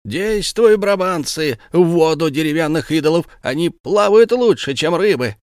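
A man voicing a rowdy mob of male agitators yelling for destruction. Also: fairly high pitch, lively intonation, normal speed, no room sound, studio quality, pitched above the performer's own voice, natural voice. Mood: rabble-rousing. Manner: rabble-rousing, yelling.

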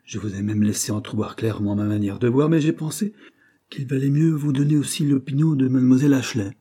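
A stern, dignified employer, put on by a man reading the story, speaking coldly and formally in a dark, husky voice pitched a little above his usual one. Curt and reserved, he refuses without explanation. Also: fairly quick, lightly acted.

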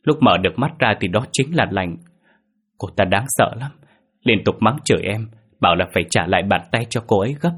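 A man's voice: fairly low pitch, lively intonation, a little fast, a bit bright, slightly rough. A man voicing a frightened, fiercely protective pregnant young wife who pleads and sobs in panic. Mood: terrified.

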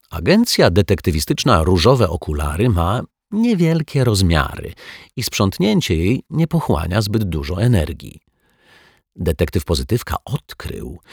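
Deep, husky man reading a storybook. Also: no echo, clean studio sound. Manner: expressive, lively reading. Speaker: audiobook narrator. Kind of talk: storybook narration for children.

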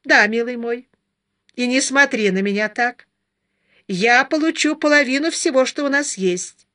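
A woman's voice: sits high, big pitch swings, slow, sharp tone, voice pushed up, exaggerated voice. A woman reading the part of a scheming wife who taunts her husband with cold mockery. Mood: gloating, mocking. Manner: taunting, gloating.

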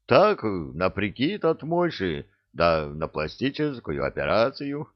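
A man's voice: fairly low pitch, huge pitch swings, slow pace, no room sound, lo-fi sound, full character voice. A man voicing a cheeky, glib young adventurer who wheedles, in an audiobook. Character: cheeky young male adventurer, smooth-talking chancer.

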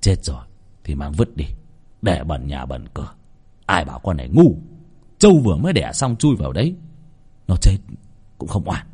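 A man voicing a callous, gruff village chief who speaks coldly and dismissively. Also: very deep voice, big pitch swings, moderate pace, pauses often, dark tone, pitched below the performer's own voice, heavily acted.

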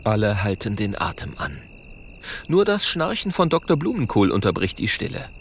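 A man reading a children's story aloud in an animated, expressive way. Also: fairly low pitch, moderate pace, a little hiss or hum. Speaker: narrator.

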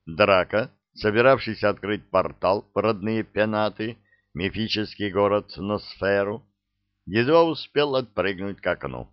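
Brief: unhurried expressive male narrator, low-pitched, slightly dull recording. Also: no echo. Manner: expressive storytelling. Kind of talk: audiobook narration. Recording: dry, slightly muffled recording.

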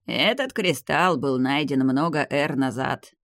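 A man reading the part of an old vampire clan head, the narrator's grandfather, in a grave, measured, weary manner. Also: mid-range voice, expressive, creaky, a bit bright, dry recording, studio quality. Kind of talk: audiobook character reading.

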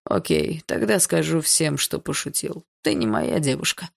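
A cocky teenage boy drawls and mocks at an unhurried pace, as a woman puts him on. The voice sits low for a woman and stays cool and taunting. An audiobook character voice. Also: lively intonation, creaky, husky, full character voice.

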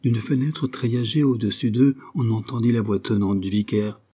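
A man reading a classic story aloud in a measured, even narration. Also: medium pitch, breathy edge. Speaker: audiobook reader.

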